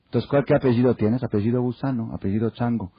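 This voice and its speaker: Husky rabbi. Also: male voice, medium pitch, fairly even intonation, fast talker, no room sound. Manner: storytelling with rhetorical questions and acted quotes. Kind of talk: Torah class with humorous anecdotes. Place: lecture hall. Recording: dull lo-fi archive tape.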